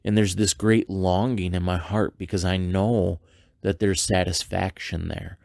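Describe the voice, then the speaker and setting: Deep gravelly-voiced man hosting a devotional podcast. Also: flat delivery, darkish tone, no echo, studio quality. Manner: halting, many fillers and restarts; earnest, reflective. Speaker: podcast host. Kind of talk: casual devotional monologue.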